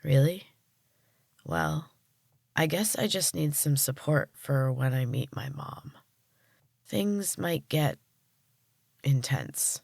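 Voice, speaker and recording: A woman reading as a breathy, solemn tree-creature woman. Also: low voice, takes it slowly, pauses often, a little mellow, no room sound, clean studio sound, exaggerated voice.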